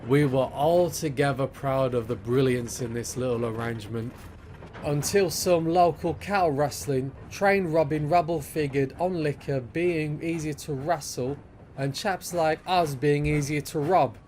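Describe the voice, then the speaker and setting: A man's voice: a little high, a little slow, a little mellow, slight background noise, close to an everyday voice. A man voicing a wry, grandiloquent undertaker in a cartoon fan dub, with a wordy, theatrical, sardonic delivery. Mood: wry storytelling. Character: wry, grandiloquent male undertaker and bootlegging accomplice. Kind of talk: animated fan dub acting.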